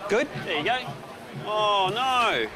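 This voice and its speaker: A man in his forties chats casually on location at his outdoor market stall, where he sells as a farmer. His voice is high and animated, his pace slow, and he comes across as enthusiastic and self-deprecating with crowd noise around him.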